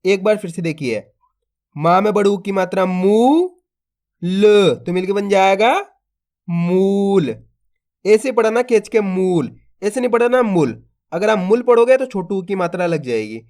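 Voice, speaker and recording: A man's voice: high-pitched, animated, normal speed, darkish tone. A man teaching a phonics lesson, sounding out each syllable and then stretching the blended word, speaking patiently to viewers he calls friends. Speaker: Hindi reading teacher.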